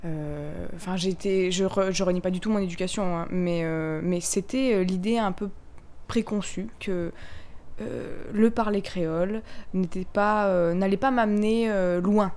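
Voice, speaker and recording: A woman from Réunion telling about her identity in a reflective, halting way, with many fillers. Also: lowish voice, darkish tone. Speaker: interviewee. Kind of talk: personal testimony.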